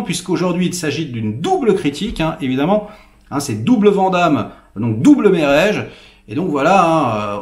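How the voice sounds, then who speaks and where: A man with a fairly high voice talks through a casual film review, rambling and hesitant, with fillers all the way. His voice rings in an echoey room. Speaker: film critic, channel host.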